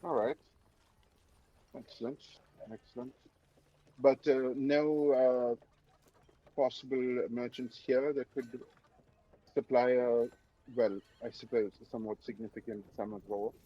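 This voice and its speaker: A man in a tabletop game who speaks in a courtly, formal style. His mid-pitched voice sounds muffled and lo-fi. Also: fairly even intonation, unhurried, pauses often. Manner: formal, courtly in-character speech. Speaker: player.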